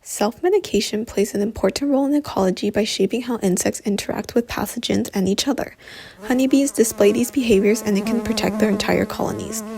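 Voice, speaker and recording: A woman's voice: mid-range voice, brisk, creaky, warm tone, husky. A woman co-presenting with scripted, expository educational narration.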